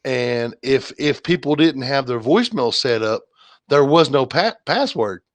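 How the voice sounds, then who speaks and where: A man's voice: medium pitch, animated, unhurried, no room sound. A man hosting a livestream, talking casually and rambling, with lots of fillers and restarts. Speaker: livestream host. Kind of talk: casual chat.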